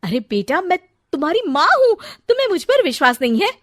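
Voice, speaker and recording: A woman voicing a bossy, quick-tempered middle-aged mother-in-law in a cartoon, scolding loudly. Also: very high-pitched, sing-song, pitched above the performer's own voice. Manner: scolding, loud and domineering. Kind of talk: cartoon voice acting.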